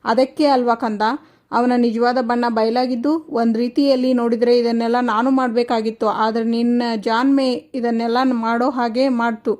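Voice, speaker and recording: A stern middle-aged father who once served in the police, firm with outsiders and gentle with his own child, as a woman narrator reads him. The voice sits high, and the lines come in a plain storytelling read from a retold serial. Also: little pitch movement, fairly quick. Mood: tender.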